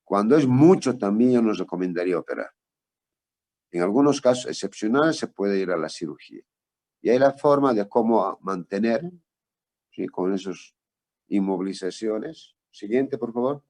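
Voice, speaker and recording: A man's voice: lowish voice, expressive, normal speed, a little mellow. Man lecturing, telling a case story. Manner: conversational storytelling, asks next slide. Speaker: lecturer in traumatology.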